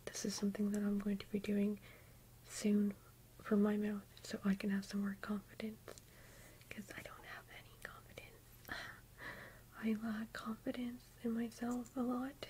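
Whispering young woman, soft and hushed. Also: medium pitch, little pitch movement, unhurried, slight background noise. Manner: soft unvoiced whisper, gushing compliments; rambling with fillers like "like" and "um". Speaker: ASMR YouTuber. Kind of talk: whispered ASMR makeup roleplay.

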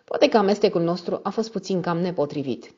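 Woman reading a calm polite detective guy, measured, low voice, muffled audio. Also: slightly rough. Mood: amused. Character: calm, courteous male detective, shrewd.

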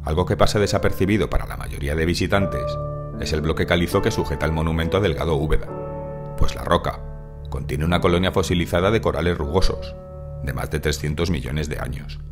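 A man giving calm, measured, scripted narration of a mountain hike, as in a nature documentary. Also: very deep voice. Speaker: hiking vlogger narrating. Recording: voice-over with music behind.

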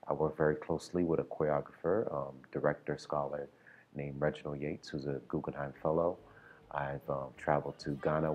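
A man from Miami, a stage performer, talking about his career in an expressive interview. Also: very deep voice, dull audio. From Miami, Florida.

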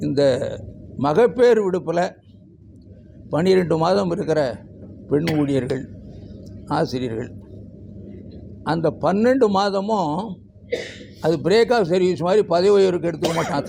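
Gravelly high-pitched union leader. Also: male voice, expressive, normal speed, pauses often, mellow, a little hiss or hum. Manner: emphatic, listing figures and demands. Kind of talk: press conference statement.

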